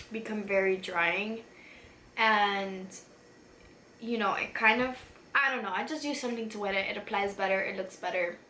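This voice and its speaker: A woman's voice: medium pitch, pushed and bright. A tipsy woman chatting casually through a makeup tutorial, rambling and self-deprecating with mild swearing. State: tipsy from beer. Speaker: beauty vlogger, tutorial host. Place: echoey room at home. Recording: echoey room with faint noise.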